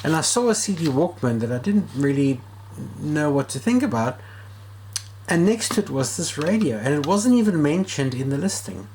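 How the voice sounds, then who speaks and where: Here the repair vlogger's voice sits on the high side, sing-song and somewhat dark in tone, at normal speed. This man is a video host and radio repair hobbyist, chatting informally and thinking aloud while working. Background noise comes through clearly.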